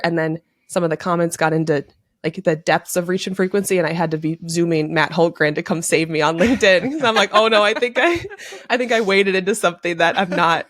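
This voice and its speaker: A woman's voice: lowish voice, dry recording, studio quality. A woman hosting a podcast in casual chat, candid and self-deprecating. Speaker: podcast host.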